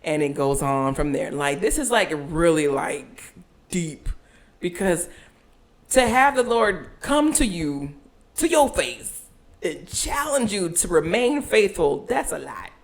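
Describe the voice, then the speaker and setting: A woman's voice: fairly low pitch, big pitch swings, slow pace. A woman co-hosting a podcast, chatting casually, reading scripture aloud and laughing often. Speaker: podcast co-host.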